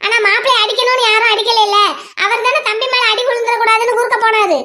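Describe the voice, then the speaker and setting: A woman voicing an outspoken young village wife in a cartoon family drama, who argues quickly and talks back to her elders. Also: extremely high pitch, level tone, bright, forceful tone. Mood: argumentative. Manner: fast, argumentative, reasoning. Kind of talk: cartoon voice acting.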